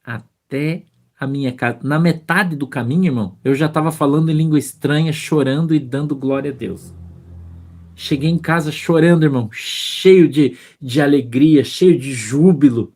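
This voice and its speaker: A man's voice: fairly high pitch, normal speed, darkish tone. A middle-aged male pastor preaching a sermon, telling stories from his own life, acting out dialogues with God and calling his listeners brother. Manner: storytelling, addresses listeners as brother, acts out dialogues.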